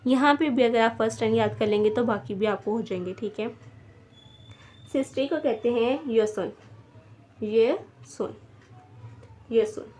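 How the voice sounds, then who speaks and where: A woman's voice: a little high, a little slow, pauses often, darkish tone. A woman teaching a beginner language lesson, patiently repeating each word several times and checking in with her students.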